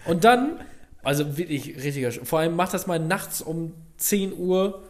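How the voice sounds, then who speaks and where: A man co-hosting a casual podcast, telling an everyday mishap in an animated, exasperated way. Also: on the high side, moderate pace. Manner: animated storytelling, exasperated complaints. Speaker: podcast co-host. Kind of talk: casual chat.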